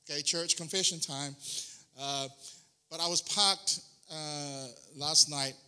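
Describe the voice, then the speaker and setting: Bright-voiced New pastor preaching. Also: male voice, a little high, steady tone, slow, clean tone. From New Zealand. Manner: chatty, self-deprecating, frequent ums and restarts. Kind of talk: sermon.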